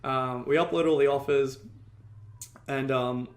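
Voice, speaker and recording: A man's voice: mid-range voice, steady tone, unhurried, reverberant. A man guest in a casual interview, telling a long story with heavy fillers and frequent swearing. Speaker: podcast guest, ecommerce entrepreneur.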